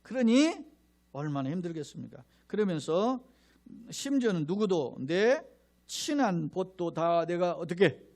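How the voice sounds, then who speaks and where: High-pitched man preaching emphatically. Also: darkish tone. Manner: emphatic preaching, rhetorical questions to the congregation; acts out mocking crowd voices in asides. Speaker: pastor. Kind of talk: sermon.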